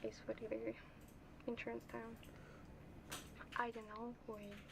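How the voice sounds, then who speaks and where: A woman's voice: on the high side, very animated, unhurried. A woman dealing on a live casino stream, speaking as she scolds a player playfully. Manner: non-native English, playful scolding. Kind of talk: casual chat on a live stream. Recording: loud background noise.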